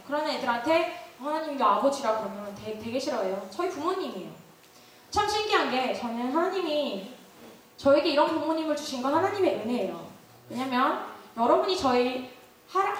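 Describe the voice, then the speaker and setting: A woman's voice: sits high, fairly bright tone, slight background noise. A young woman giving a sermon, telling a personal story with laughter and questions to the listeners. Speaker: speaker. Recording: very echoey hall, distant mic.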